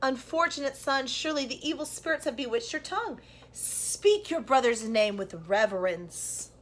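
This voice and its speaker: A woman voicing a stern, proud mother who scolds her son slowly and haughtily. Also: sits high, expressive, poor audio. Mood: scolding.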